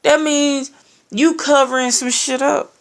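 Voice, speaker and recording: A woman's voice: sits high, unhurried. A young woman telling a personal story in a casual, profane and sarcastic rant, acting out the exchanges. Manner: profane, sarcastic, animated retelling with quoted exchanges.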